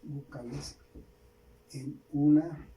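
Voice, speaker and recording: A Colombian man teaching a grammar lesson, slowly repeating key words for students to write down. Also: a little high, fairly even intonation, dark tone. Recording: distant mic, faint background hiss.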